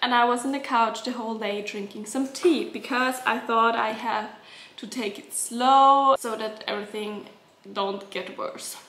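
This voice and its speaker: A woman's voice: fairly high pitch, fairly even intonation, a little slow, fairly bright tone. A young woman with a sick, congested voice, chatting casually in a daily vlog and laughing often. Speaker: vlogger.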